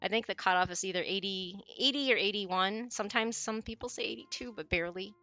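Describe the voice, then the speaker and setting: Bright-voiced woman streamer in her forties. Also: mid-range voice, a little fast, dull audio, soft background music. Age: 40s. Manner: rambling, self-correcting, laughs often. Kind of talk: casual chat with viewers.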